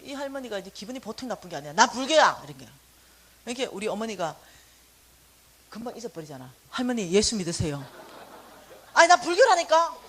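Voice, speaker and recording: A middle-aged woman giving a sermon testimony, telling her story with animation and acting out the dialogue. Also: a little high. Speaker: church lay teacher giving testimony.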